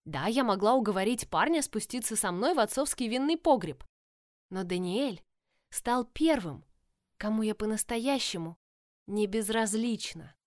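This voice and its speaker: A woman voicing an impulsive, headstrong young woman in love, speaking insistently in a raised, higher voice in an audiobook. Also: expressive, normal speed, no echo, studio quality, close to an everyday voice.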